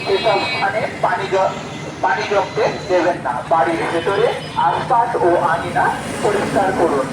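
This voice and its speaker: A man reading a formal public service announcement through a loudspeaker, slow and declamatory, with a few slips and restarts. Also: sits high, heavy background noise. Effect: amplified through a loudspeaker.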